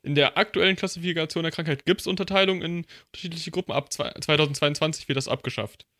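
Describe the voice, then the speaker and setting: A man's voice: on the high side, fast talker, pushed and bright, no room sound. Young man explaining at length, dry sound. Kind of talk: casual chat.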